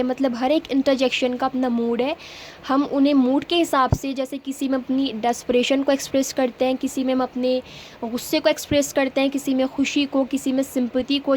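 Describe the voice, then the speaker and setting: High-voiced woman teaching English grammar. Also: a little hiss or hum. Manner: explains in Hindi, slowly acts out English example sentences. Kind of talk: grammar lesson.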